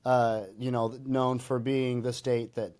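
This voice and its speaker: A man's voice: medium pitch, flat delivery, a little slow, darkish tone. A man from Washington State co-hosting a podcast, telling stories in a joking, casual way. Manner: joking, storytelling, laughs often. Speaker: podcast co-host.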